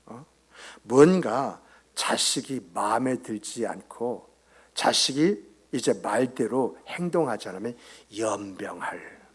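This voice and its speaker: A man's voice: medium pitch, slightly rough. A male pastor giving a Sunday sermon in a church, talking conversationally, quizzing the congregation and dropping into whispered asides. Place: church sanctuary.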